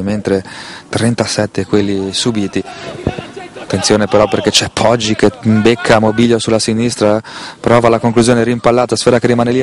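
A man with an Italian accent giving live football play-by-play in a measured, detailed way, sometimes correcting himself. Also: lowish voice. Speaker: football commentator. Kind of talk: live play-by-play match commentary.

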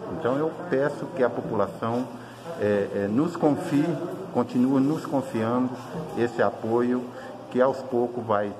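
A middle-aged man, a city councillor, answering interview questions with many hesitations, in an office. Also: fairly low pitch. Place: indoor office with flags. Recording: noisy room.

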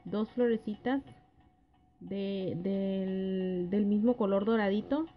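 A woman narrating a nail art tutorial, explaining each step gently and plainly, with little hesitations and soft diminutive words. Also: medium pitch, fairly even intonation, slow pace, a little hiss or hum. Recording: dull lo-fi voice-over with faint music.

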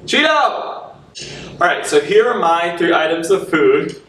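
A man's voice: on the high side, lively intonation, moderate pace, a bit bright, slight background noise. Easygoing young man in an echoey room. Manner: joking, easygoing, squeamish. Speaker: vlogger. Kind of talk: casual chat. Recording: echoey room, far mic, faint music.

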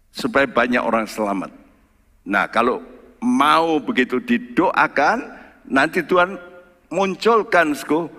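Bright-voiced pastor in a church hall. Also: male voice, a little high. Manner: lively preacher, rhetorical questions, mixes English words. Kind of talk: sermon.

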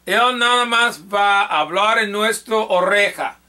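Male Bible teacher, high and bright, slow and halting, self-correcting delivery. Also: clear, resonant tone. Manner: halting, repeats and corrects himself. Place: church.

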